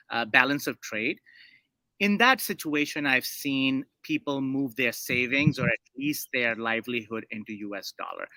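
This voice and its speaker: A man from Saudi Arabia answers interview questions in a measured, hesitant way, pausing often on fillers. His voice is very bright and forward, recorded close and dry with no room sound. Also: medium pitch, dry recording. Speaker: guest.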